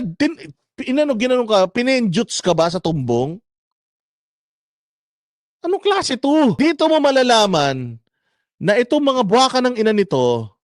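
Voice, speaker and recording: A man's voice: extremely high pitch, no room sound, studio quality. A man hosting his own vlog, delivering a sarcastic political commentary rant and swearing often. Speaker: vlogger host.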